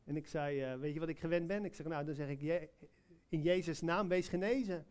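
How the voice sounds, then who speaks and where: A man's voice: on the high side, brisk, a little mellow. A man preaching a sermon, telling a personal story in a conversational way, with many hesitations and direct questions to listeners.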